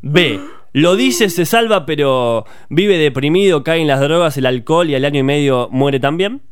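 A man's voice: a little high, lively intonation, normal speed, clear, resonant tone, no echo, studio quality. A man with a Rioplatense Spanish accent hosting a comedic radio show, playfully setting up absurd quiz scenarios. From Argentina. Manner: playful, quizmaster storytelling. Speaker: radio host. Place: radio studio.

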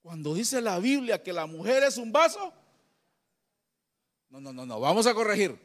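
A man preaching a sermon as pastor, telling lively stories with acted voices and sound effects, calling listeners "brother". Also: high-pitched, moderate pace, big-room sound. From Honduras. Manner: folksy, addresses listeners as brother.

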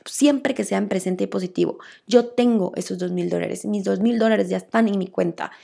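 A woman's voice: medium pitch, moderate pace, creaky, dark tone. A young woman, talking casually on a motivational podcast as a coach, earnest and repetitive, coaxing listeners with rhetorical questions. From Guatemala.

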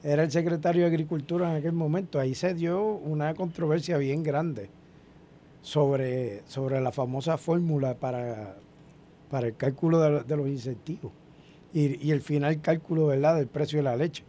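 A man hosts a relaxed talk show. His voice is mellow and sits a bit high. He mostly chips in short agreements and questions. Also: moderate pace, a little hiss or hum. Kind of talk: casual chat.

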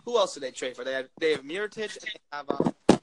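A man's voice: a little high, lively intonation, fast, very noisy. A young man hosting a casual sports podcast, asking questions and rambling with lots of fillers. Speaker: podcast host.

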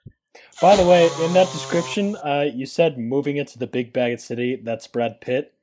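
A man's voice: a little high, fairly even intonation, normal speed, darkish tone. A man co-hosting a casual podcast, making playful, joking asides. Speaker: podcast co-host. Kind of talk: casual chat.

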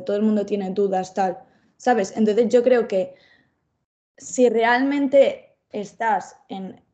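A woman's voice: mid-range voice, dark tone, dull audio. A young woman, co-hosting a casual podcast over a video call, chatty and slangy. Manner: chatty, slangy, fillers like "en plan" and "tía". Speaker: podcast co-host.

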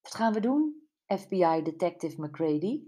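A woman voicing a playful, excitable best friend in an audiobook mystery. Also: lowish voice, normal speed. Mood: excited.

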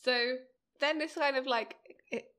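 A woman's voice: high-pitched, a little slow, a bit bright, clear, resonant tone. Easygoing woman podcast co-host. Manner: easygoing, laughs often, many fillers. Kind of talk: casual chat recapping a TV episode.

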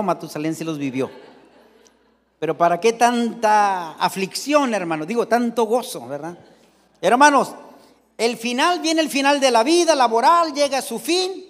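A man's voice: sits high, lively intonation, normal speed, long reverb tail. A middle-aged man preaching a sermon in a folksy, joking way, calling out to the congregation again and again.

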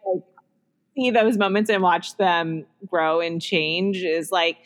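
A woman in her thirties with a fairly low, fairly even voice takes her time as she co-hosts a podcast. The chat is casual, she laughs often, and her speech is full of likes and ums.

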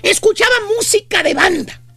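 A Mexican man hosts a radio comedy bit in a strikingly high, squeaky voice. His tone is bright and a little gravelly, and he keeps the storytelling broad and exaggerated. Music plays softly behind him. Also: expressive, normal speed, dry recording. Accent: Mexican Spanish. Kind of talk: comic radio monologue.

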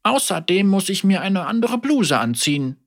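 A storybook reader voicing an elderly woman, a teacher and mother, wry, calm and gently teasing. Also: mid-range voice, moderate pace, pitched above the performer's own voice.

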